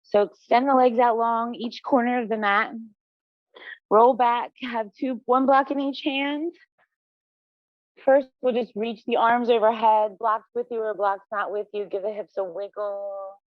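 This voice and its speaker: A woman teaching a live yin yoga class, giving gentle, unhurried cues and laughing lightly at herself now and then. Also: fairly high pitch, steady tone, no room sound. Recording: dull, dry studio recording.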